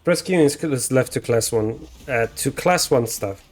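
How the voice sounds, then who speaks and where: Male streamer, casual, reads game dialogue aloud, mid-pitched voice, faint game music behind. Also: animated, normal speed. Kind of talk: live game playthrough with read-aloud translation.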